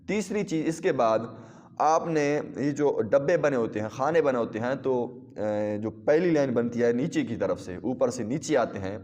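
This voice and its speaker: A man teaching a recorded Qaidah lesson, explaining step by step with pauses and drawing out letters as models. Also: medium pitch, darkish tone, big-room sound, muffled recording. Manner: drawn-out model pronunciation of letters. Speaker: Quran teacher.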